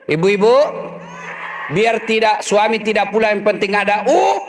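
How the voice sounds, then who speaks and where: High-voiced joking male preacher. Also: unhurried, crowd noise, noisy background. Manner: joking, acts out husband and wife voices. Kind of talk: humorous sermon.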